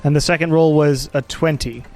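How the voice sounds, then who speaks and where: A man's voice: fairly high pitch, steady tone, normal speed, a little mellow, faint music behind. A man running a tabletop fantasy game as game master, narrating casually and calling out rulings.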